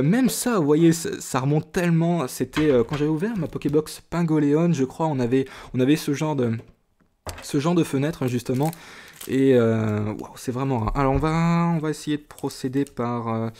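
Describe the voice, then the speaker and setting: A man's voice: medium pitch, a little mellow. A man giving casual, enthusiastic unboxing commentary as a video host, often hesitating with fillers and exclaiming in wonder. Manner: hesitant, many fillers and restarts. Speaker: YouTuber opening a trading card tin.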